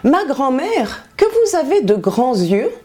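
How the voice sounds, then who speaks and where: A woman's voice: high-pitched, sing-song, a little mellow, faint music behind, pitched above the performer's own voice, heavily acted. A woman doing a naive little girl. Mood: innocent. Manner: innocent, slow wondering questions.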